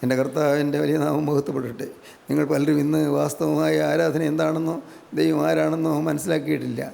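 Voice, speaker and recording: Male preacher from Kerala, gravelly, flat and fervent delivery, recorded in a reverberant hall. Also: fairly high pitch. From Kerala, India. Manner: fervent, rhetorical questions, repeated praise refrains. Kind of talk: sermon.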